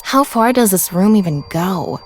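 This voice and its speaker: A woman's voice: medium pitch, lively intonation, moderate pace, a little mellow, a little hiss or hum, natural voice. A woman voicing a blunt, snippy young woman from a game, with a slight valley-girl tone. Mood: wary. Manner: reads game dialogue aloud, a little valley-girl tone. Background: game music.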